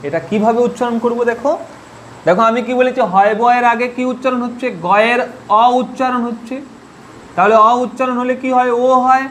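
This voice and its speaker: A man's voice: very high-pitched, steady tone, fairly quick, a bit bright, a little hiss or hum. A man teaching a spoken grammar lesson, patient, repeating each point and asking the listener questions.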